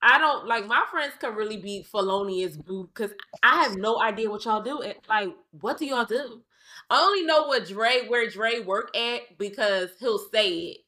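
A woman's voice: on the high side, normal speed, bright, forceful tone. A woman co-hosting a podcast in casual comedic chat, slangy and teasing in a conversational way. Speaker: podcast co-host.

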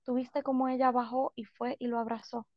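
A woman's voice: a little high, flat delivery, a little fast, no room sound, dull audio. A woman co-hosting a podcast, chatting animatedly and gossiping about a reality show, mixing English words into her Spanish. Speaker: podcast co-host.

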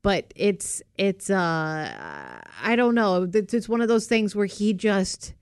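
A woman's voice: mid-range voice, sing-song, smooth, dry recording, clean studio sound. Chatty, rambling female co-host. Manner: chatty, rambling, quick to laugh. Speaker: radio co-host. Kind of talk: casual studio chat.

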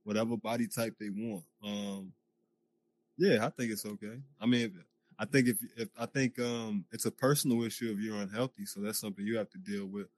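Speaking briskly in a lowish, fairly even voice, a man from the United States appears as a podcast guest in a VR social space, using his headset mic. He's emphatic but loose, filling his casual chat with fillers.

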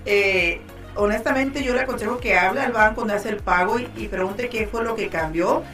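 Female co-host, mid-pitched, casual explanatory advice over faint music. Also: normal speed, a bit bright. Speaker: radio show co-host and mortgage lender. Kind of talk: casual on-air talk and advice.

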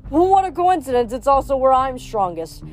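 Casting: woman playing a mocking, grotesque male sea god showman, lively swooping delivery. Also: high voice, fairly quick, soft background music, pitched above the performer's own voice. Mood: gloating. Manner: mocking, sing-song showman.

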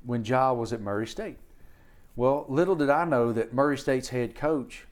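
A man's voice: mid-range voice, moderate pace, darkish tone. A man hosting a podcast, chatting casually and enthusiastically with his guest and telling his own story. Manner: enthusiastic, acts out quoted voices. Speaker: podcast host. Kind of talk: casual interview chat.

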